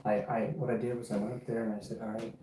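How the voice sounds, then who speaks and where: A man's voice: mid-range voice, flat delivery, racing, roomy sound, background noise. A man on a ghost hunt, explaining his setup and calling out to spirits. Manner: calls out to spirits. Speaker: ghost hunter. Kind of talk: casual conversation.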